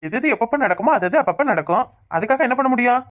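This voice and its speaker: A woman voicing a calm, reasonable village father in a cartoon, with a Tirunelveli Tamil accent. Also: fairly high pitch, quick pace, natural voice. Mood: reasoning. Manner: soothing, reasoning. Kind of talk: cartoon voice acting.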